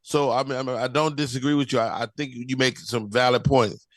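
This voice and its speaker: A man's voice: medium pitch, steady tone, brisk, fairly bright tone, no room sound. A man in a group discussion, stammering and conciliatory. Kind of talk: panel discussion.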